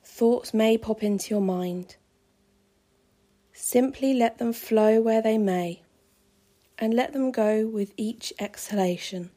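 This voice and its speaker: A woman calmly guiding a pregnancy relaxation meditation with slow, soothing, measured phrasing. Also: on the high side. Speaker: meditation guide.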